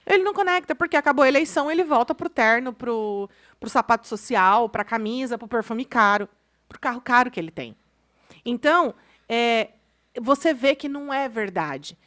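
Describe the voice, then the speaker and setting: A woman from Brazil co-hosting a podcast in casual chat, emphatic and opinionated, quick to push back. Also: a little high, lively intonation, fairly bright tone. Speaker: podcast co-host.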